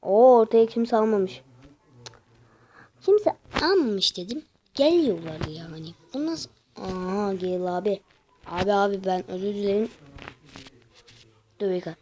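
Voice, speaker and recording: A young woman giving casual gameplay commentary, talking straight to her viewers with frustrated, excitable outbursts. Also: medium pitch, unhurried, long pauses, a little hiss or hum, rough recording.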